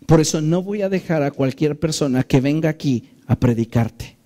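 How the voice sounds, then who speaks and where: A fairly high-voiced male pastor, warm in tone with lively intonation, preaches in his church sanctuary. He speaks earnestly and deliberately, lingering on the words that matter most.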